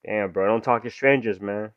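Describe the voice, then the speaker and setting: A man's voice: on the low side, moderate pace, clear, resonant tone, no echo, lo-fi sound. A young man, reading true-crime text aloud and breaking off into casual slangy reactions. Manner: reads story aloud, then breaks off into slangy asides. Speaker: reaction video host.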